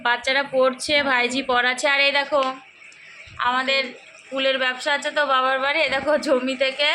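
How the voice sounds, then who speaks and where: A young woman with a hoarse voice, chatting casually to viewers in a home vlog and often asking if they follow. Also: high voice, little pitch movement, a little fast, sharp tone, slight background noise. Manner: chatty, keeps asking "okay?". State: hoarse, sore throat. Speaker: vlogger.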